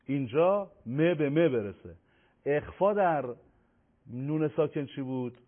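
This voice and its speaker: Male teacher, measured tajweed lesson, slows down to recite examples; thin phone-like sound. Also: a little high, expressive. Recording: tinny phone-like audio.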